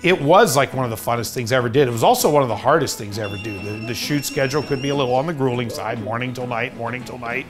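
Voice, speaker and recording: A man recalling his time producing a low-budget film in a relaxed, rambling interview. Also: fast, hardly any pauses, music in the background. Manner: rambling, casual recollection with many fillers. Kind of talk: documentary interview.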